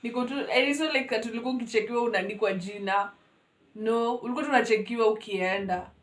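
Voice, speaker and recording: Animated young Kenyan woman telling stories. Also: on the high side, fast, echoey room. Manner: animated, dramatic, code-switching. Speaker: vlogger. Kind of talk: storytime vlog.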